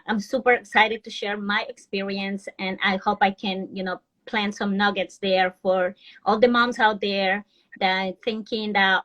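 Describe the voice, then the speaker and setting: A financial advisor from Ecuador speaks earnestly as a guest in a casual live-stream interview over video call, often restarting her sentences. Her voice is medium-pitched with a fairly bright tone, and the recording is rough.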